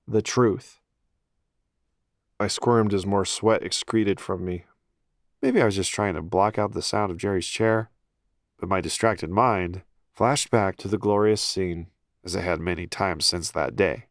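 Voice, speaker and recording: A man's voice: fairly low pitch, no echo, studio quality. A man narrating a first-person audiobook in a wry, self-deprecating way, with profane asides.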